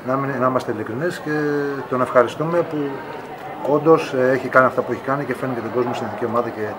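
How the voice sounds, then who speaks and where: After the game, reporters hold their phones close to a thirties-aged team captain in an arena corridor. His medium-pitched voice comes across frank and firm over the background noise, and he challenges some of the questions put to him.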